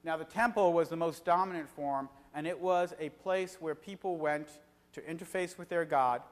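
A middle-aged man delivers an evening lecture in an easygoing, conversational way, often pausing on fillers as he gathers his thoughts. His voice sits a little high for a man, and a long hall reverb trails each phrase. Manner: conversational, frequent filler pauses.

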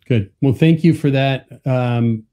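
A man's voice: mid-range voice, slow pace, dark tone. A man co-hosting a podcast, friendly and casual, often repeating words as he starts a thought. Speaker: podcast co-host. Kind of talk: casual chat.

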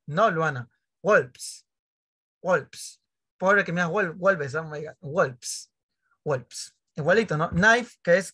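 A man teaches English over a video call, with a bright, ringing voice. He jokes and teases his pupils and plays out their questions in their voices. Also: high-pitched. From Peru. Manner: joking, teasing pupils, acts out their questions. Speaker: primary school English teacher. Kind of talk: online class, explaining grammar.

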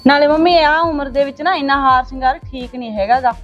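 A woman's voice: high voice, quick pace, fairly bright tone, muffled recording, faint music behind. An actress playing a young daughter who scolds her mother, in a village comedy drama. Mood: reproachful. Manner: reproachful.

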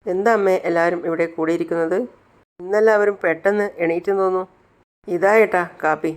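A man's voice: high-pitched, steady tone, fairly quick, natural voice. A man voicing a loving, cheerful grown son who is affectionate and teasing toward his mother. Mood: concerned.

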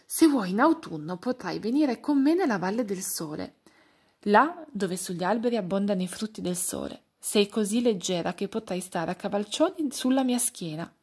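A woman voicing a kind male thrush who speaks slowly and soothingly in a storybook reading. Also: medium pitch, expressive, darkish tone, husky. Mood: gentle. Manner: slow, soothing.

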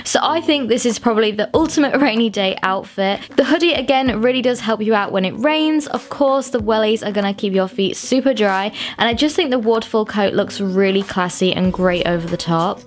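A woman's voice: mid-range voice, fairly quick, few pauses. A woman in her twenties, a fashion vlogger giving friendly, upbeat voice-over tips on outfits. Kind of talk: scripted lookbook voice-over. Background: faint music.

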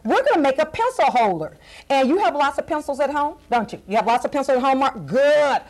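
Sing-song clown craft teacher, woman, high voice. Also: sing-song, brisk. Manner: sing-song, coaxing, addressing children. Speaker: arts and crafts host. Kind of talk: children's TV craft lesson.

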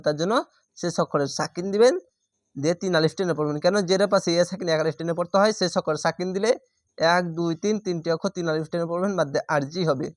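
A man teaching Quran reading, spelling letters out slowly and then chanting the drawn-out recited words. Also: fairly high pitch, no echo, clean studio sound.

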